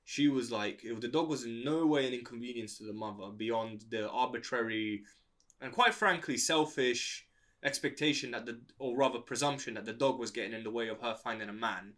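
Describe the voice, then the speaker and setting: A man's voice: medium pitch, fairly quick, a bit bright. A man co-hosting an advice podcast, giving blunt, opinionated takes in casual chat. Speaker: podcast co-host.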